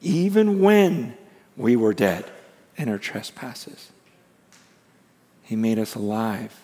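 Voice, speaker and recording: A man preaching a passionate sermon, dropping to a hush and rising loud again. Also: medium pitch, very animated, slow pace. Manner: passionate, swings between hushed and loud. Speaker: pastor. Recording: long hall reverb.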